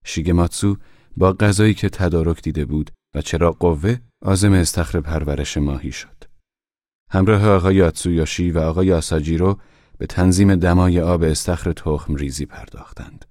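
Deep-voiced male audiobook narrator, calm and measured, dry close sound. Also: dry recording. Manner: calm, measured, soft-spoken reading. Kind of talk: scripted narration.

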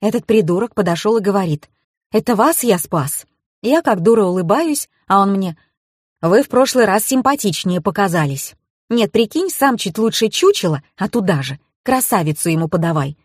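A woman doing an excitable, dramatic young woman. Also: normal speed, husky, no room sound, clean studio sound. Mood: indignant. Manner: shrill and breathless, higher pitched.

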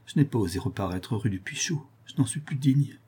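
A man's voice: mid-range voice, lively intonation, fairly quick, dark tone, husky. A man reading aloud and voicing a distraught young nun, broken and ashamed, with anguished, pleading speech.

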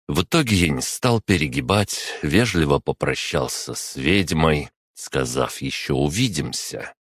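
A man narrating a first-person story in a calm, even storytelling manner. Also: a bass voice, no room sound. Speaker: audiobook narrator.

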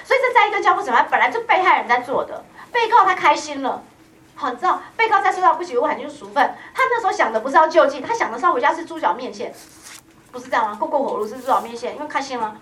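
A woman's voice: high-pitched, racing, recorded from a distance. A woman lecturing a law exam prep class in a chatty, teasing way, recorded in a classroom. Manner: chatty, teasing, lively, peppers speech with "hao" and "ha".

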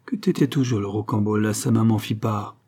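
A man reading aloud, voicing a hoarse, raspy old woman ragpicker who dotes on her adopted son. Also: fairly low pitch, a little fast, warm tone. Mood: tender. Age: older.

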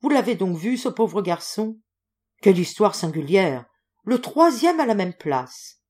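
A woman voicing a chatty, gossipy male junk dealer in an audiobook, telling his tale loudly and with lots of exclamations. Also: mid-range voice, unhurried, husky. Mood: gossiping. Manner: loud, exclaiming, animated storytelling. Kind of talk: audiobook character voice.

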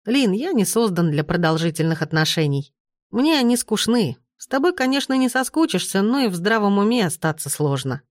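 A woman's voice: mid-range voice, sing-song, a little fast, no echo, studio quality, close to an everyday voice. A woman voicing a teasing young male ex-thief in an audiobook, speaking in light, mocking banter.

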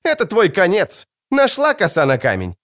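A man voicing a defiant, sharp-tongued teenage girl, pushing his voice up into a strained girlish pitch for an audiobook. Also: huge pitch swings, moderate pace, full character voice. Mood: shrill. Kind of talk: audiobook character voice.

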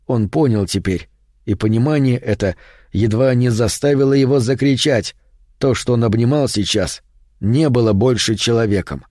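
A man narrating a horror story in a steady, measured way. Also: mid-range voice, dry recording, studio quality. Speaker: audiobook narrator.

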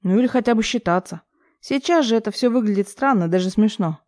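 A woman narrating a first-person novel in a measured, even reading. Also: mid-range voice, no room sound, clean studio sound. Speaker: audiobook narrator.

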